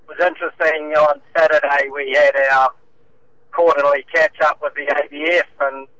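Kiwi guy on a car speakerphone, kinda high bright voice, laid back, laughs a lot. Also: flat delivery, normal speed, poor audio. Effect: speakerphone call from a moving car. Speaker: bridge association chairman, radio guest. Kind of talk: casual phone-in chat.

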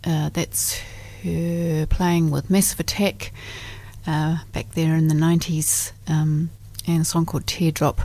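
Low-pitched New Zealand woman on radio. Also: level tone, unhurried, mellow. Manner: chatty, informal. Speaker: radio host. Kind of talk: casual music-show presenting. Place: radio studio.

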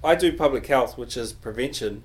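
A man's voice: medium pitch, expressive, normal speed. A man chats as an interview guest, explaining his work in an easygoing, hesitant way. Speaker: guest, public health worker. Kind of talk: casual interview conversation.

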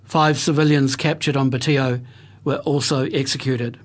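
A man, narrating a scripted history report for radio in a grave, even-paced manner. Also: medium pitch, moderate pace.

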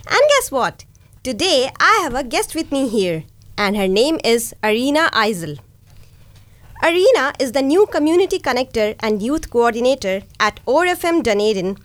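A woman's voice: sits high, dry recording. A woman from India with an Indian English accent, hosting a community radio interview with enthusiasm. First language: Hindi. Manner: enthusiastic, warm greetings and frequent laughs. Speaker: radio show host.

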